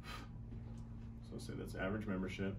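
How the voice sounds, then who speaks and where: With a deep voice and completely flat, measured delivery, a man in his thirties coaching chiropractic businesses gives a casual whiteboard lesson, thinking aloud while working sums. He speaks into a lapel mic in a small room, and background noise is present.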